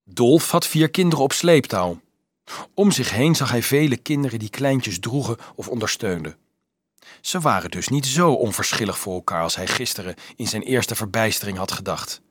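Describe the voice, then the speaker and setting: Husky man reading a novel aloud. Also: medium pitch, normal speed, no room sound, clean studio sound. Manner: expressive, lively storytelling. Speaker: audiobook narrator.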